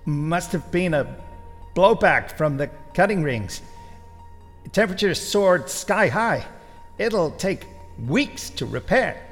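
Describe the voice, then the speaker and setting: Guy doing a jumpy high-voiced engineer in a storybook, all worked up. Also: takes it slowly, long reverb tail, soft background music, heavily acted. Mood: dismayed. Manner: urgent, excited, raised voice. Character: excitable male scientist engineer, urgent.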